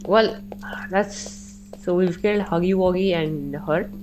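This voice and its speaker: A woman playing a horror game and commentating, reacting loudly and swearing when startled. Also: on the low side, takes it slowly, low-quality recording. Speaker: let's-play gamer. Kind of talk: gaming commentary.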